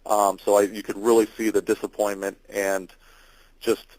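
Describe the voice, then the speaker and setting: A man's voice: on the low side, flat delivery, normal speed, darkish tone, poor audio. A man speaking informally as an expert guest in an interview.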